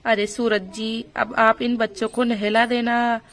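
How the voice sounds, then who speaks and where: A woman's voice: on the high side, level tone, unhurried. A woman telling a village doll story and voicing a fussing, scolding mother figure. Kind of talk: doll story narration with character voices.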